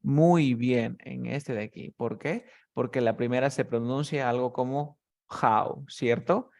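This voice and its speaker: A man's voice: medium pitch, a little slow, creaky, a little mellow. A man teaching English pronunciation one-on-one over a video call, explaining step by step and checking often that his student follows. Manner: patient, explains step by step with many checks like "¿cierto?".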